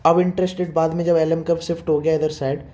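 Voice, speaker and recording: A young man teaching economics in a casual lecture style, talking fast and often checking in with the students. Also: fairly high pitch, level tone, dark tone, soft background music. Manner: repetitive, checks understanding with frequent 'theek hai'; quick, informal teaching tone, addresses students as 'beta'. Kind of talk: classroom lecture explaining diagrams.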